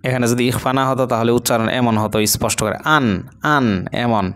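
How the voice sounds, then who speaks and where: A man's voice: medium pitch, flat delivery, rapid-fire, clean tone. A man teaching Quran reading step by step, patiently repeating syllables and drawing out long vowels. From Bangladesh. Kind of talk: step-by-step recitation lesson.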